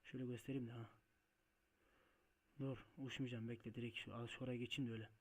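Excitable man playing a truck game. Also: mid-range voice, fast talker. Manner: excitable, swears and shouts at mishaps; muttering to himself while driving. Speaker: gaming video host. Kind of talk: Let's Play commentary.

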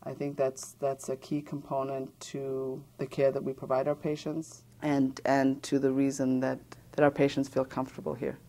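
A woman behavioral health professional speaking in a measured, calm way in a documentary interview. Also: rumbling low.

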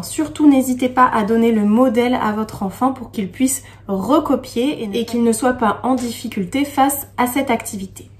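Female preschool teacher, slow and gentle, with a very animated, singing lilt for small kids. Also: fairly high pitch. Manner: slow, sing-song delivery that stresses each syllable; reads the poem slowly and gently. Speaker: kindergarten teacher. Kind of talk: teaching young children.

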